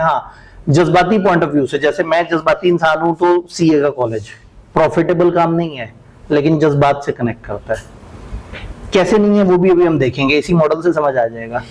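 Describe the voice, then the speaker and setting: A man's voice: fairly high pitch, darkish tone, poor audio. A man giving a classroom lecture, talking it through conversationally and posing questions he then answers himself. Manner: conversational, asks rhetorical questions and answers them.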